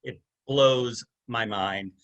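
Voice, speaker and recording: Bright-voiced man interviewing a friend. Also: mid-range voice, very slow, lo-fi sound. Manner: rambling questions with many fillers. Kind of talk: casual interview.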